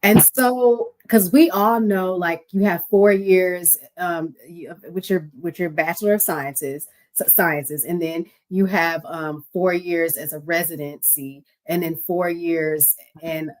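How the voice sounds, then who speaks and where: Brief: woman podcast host, lowish voice, supportive, asks questions. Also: steady tone, slow pace, few pauses, rough recording. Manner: supportive, frequent "mm-hmm" backchannels. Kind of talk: interview questions.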